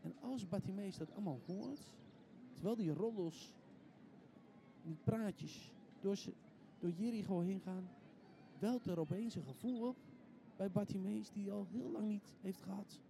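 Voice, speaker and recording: A man's voice: high voice, unhurried, creaky, dark tone, slight background noise. A man preaching in a storytelling sermon, vivid and building in intensity, repeating words as he restarts.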